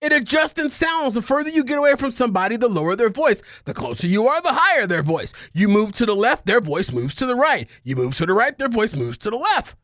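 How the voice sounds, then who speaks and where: Excitable ranting man on a podcast. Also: very high-pitched, fairly quick, few pauses, no echo, clean studio sound. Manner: excitable, ranting, swings from mumbling to shouting. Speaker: podcast co-host. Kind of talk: casual podcast chat.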